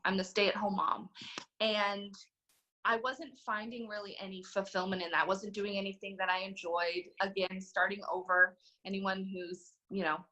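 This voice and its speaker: A woman in her thirties, a podcast guest telling her story in a casual, animated way and acting out the voices of people she quotes. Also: mid-range voice. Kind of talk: conversational storytelling.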